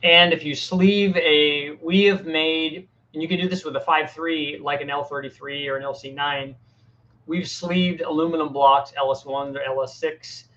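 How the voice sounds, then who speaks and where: A man's voice: fairly high pitch, fairly even intonation, moderate pace, fairly bright tone, lo-fi sound. A middle-aged man hosting a casual live Q&A, answering viewers' technical questions in a plain-spoken way, often restarting his sentences. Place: home workshop with a fan running.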